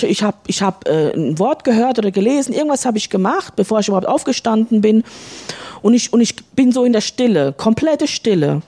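Woman giving a halting, emotional testimony. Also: a little high, dark tone. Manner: emotional, halting, with many fillers and restarts. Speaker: church member giving a testimony. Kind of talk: spontaneous personal testimony.

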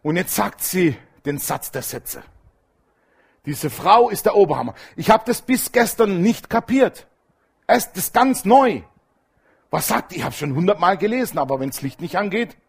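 A man preaching a sermon, animated, swinging between loud emphatic lines and low hushed asides. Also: unhurried, vocal fry, husky.

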